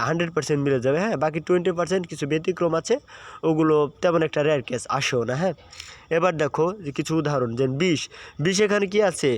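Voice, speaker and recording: Male tutor, patient teaching tone. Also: fairly high pitch. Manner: patient, repeats points, frequent "হ্যাঁ" checks. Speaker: admission tutor. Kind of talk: online exam-prep lesson.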